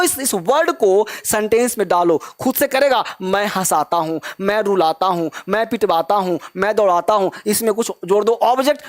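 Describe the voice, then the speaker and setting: Hindi-speaking male English teacher drilling pupils. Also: sits high. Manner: drills students with repeated questions; calls listeners "beta", fatherly. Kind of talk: spoken English class lecture.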